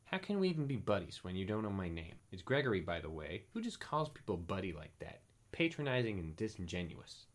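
A man voicing a small, sharp-tongued male talking weasel who grumbles tersely and fussily. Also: low voice, sing-song, fairly quick. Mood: snippy.

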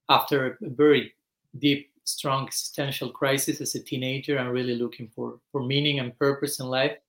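A man's voice: mid-range voice, pushed and bright. Thoughtful Argentine man in his forties. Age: 40s. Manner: thoughtful, explanatory, searching for words. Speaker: guest monk. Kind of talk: reflective podcast interview. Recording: echoey room.

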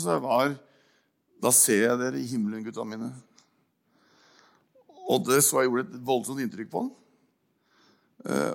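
Older guy giving a sermon, gravelly voice, stops and restarts a lot, lots of ehs. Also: medium pitch. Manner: halting, repeats words, many fillers. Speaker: preacher. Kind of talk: informal sermon with personal story.

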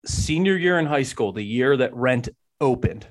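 A man's voice: mid-range voice, lively intonation, normal speed. A man in his forties hosting a casual interview, agreeable and encouraging, feeling his way through his phrasing. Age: 40s. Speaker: interviewer, host.

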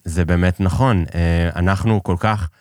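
Speaking Hebrew with an Israeli accent, this podcast guest, an Iranian-born business executive who immigrated to Israel, tells anecdotes hesitantly, groping for words and using English business jargon. His voice is low and darkish with fairly even intonation, recorded close and dry with no room sound.

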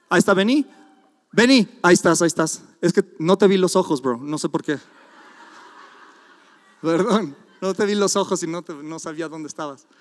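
A man preaching a sermon, telling a story with lively asides to the congregation. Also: high-pitched. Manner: animated storytelling with audience asides. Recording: long hall reverb.

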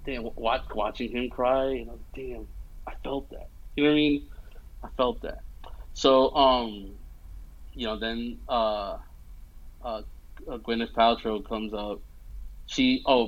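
The sound is lo-fi as a young man with a medium-pitched voice, talking at normal speed, casually recounts a film scene by scene. He tells it with animation, lots of fillers, and frequent "you know what I mean" check-ins with his listener.

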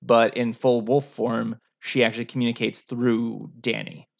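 Gravelly man rambling casually. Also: mid-range voice, little pitch movement, moderate pace. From United States. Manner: rambling, with frequent fillers and restarts. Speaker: podcast co-host. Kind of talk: casual chat. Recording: dull lo-fi sound.

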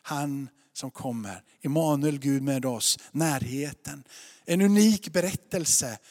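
A man's voice: a little high, a little mellow. A man preaching a sermon in an earnest, repetitive style, building emphasis through his lines. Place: church. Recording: long church reverb.

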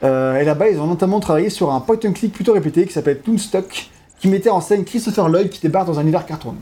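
A man's voice: sits high, fast talker, mellow. A man with a French accent, thick on English names, casually presenting video game history in a chatty, slangy way. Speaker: video game show host. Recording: clear background noise.

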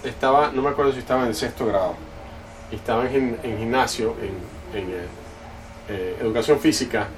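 A man preaching in church, with the talk of a conversational storyteller who stops and restarts his phrases. His voice sits in a middle pitch. It is picked up from a distance, with steady noise in the room. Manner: conversational, halting, self-correcting. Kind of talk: sermon with a personal story. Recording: distant mic, noisy room.

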